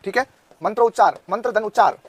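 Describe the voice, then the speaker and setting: A man in his thirties with a Rajasthani Hindi accent, teaching an online exam-prep Hindi class and firing quick questions at his students. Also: high voice, breathy edge. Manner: drilling students with quick questions, loud and insistent.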